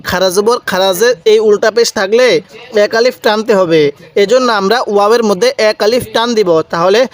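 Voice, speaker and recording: A man teaching Quran reading, drawing out each syllable slowly, repeating sounds and asking the viewer to say them back. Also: high voice. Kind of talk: slow, patient recitation lesson.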